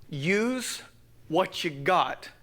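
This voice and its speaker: Guy preaching in a church, high bright voice, jokes then gets loud. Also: expressive, extremely slow. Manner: fervent, joking, swings from loud preaching to quiet asides. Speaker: pastor. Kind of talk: sermon. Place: church sanctuary.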